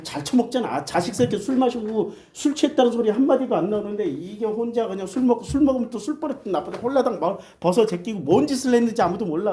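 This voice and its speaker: A woman's voice: fairly high pitch, dark tone. A woman pastor preaching a sermon in blunt, earthy speech, asking rhetorical questions and answering them herself. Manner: blunt, colloquial and earthy wording.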